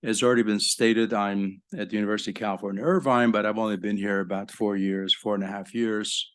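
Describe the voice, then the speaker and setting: A man's voice: fairly low pitch, steady tone, fast talker, clean tone. An older man born in Egypt, a professor giving a live conference talk in a conversational way with joking asides to the audience. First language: French.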